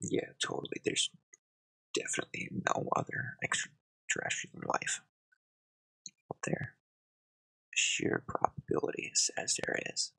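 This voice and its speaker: A soft-spoken ASMR host in close-mic whispers, reading satirical headlines and adding dry deadpan asides. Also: measured pace, long pauses, poor audio. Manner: reads headlines, then adds wry deadpan asides.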